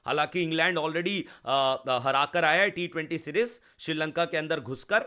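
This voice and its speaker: Young man from India, casual cricket chat, slightly high voice, keeps saying bro. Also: normal speed, sharp tone, clear, resonant tone. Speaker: cricket commentator.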